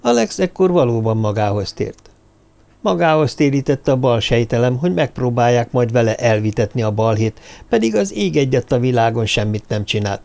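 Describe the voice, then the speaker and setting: A man reading an audiobook novel in measured, even narration. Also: mid-range voice, creaky. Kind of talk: scripted narration.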